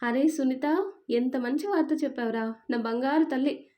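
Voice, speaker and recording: A woman's voice: high-pitched, normal speed, highs cut off, close to an everyday voice. A woman reading a story voicing an older mother-in-law, a complaining, emotional woman. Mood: overjoyed.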